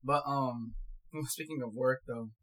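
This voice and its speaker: A young man with a stutter chats loosely with friends around one shared mic. His talk comes in halting bursts full of repeated starts, in a mid-range voice. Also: mid-range voice, a bit bright, low-quality recording. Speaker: podcast co-host. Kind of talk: casual chat.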